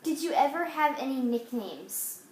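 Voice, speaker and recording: A woman's voice: high voice, expressive, moderate pace, a little mellow. A young woman interviewing her grandmother, asking questions hesitantly with fillers. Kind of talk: casual family interview. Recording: echoey room, faint noise.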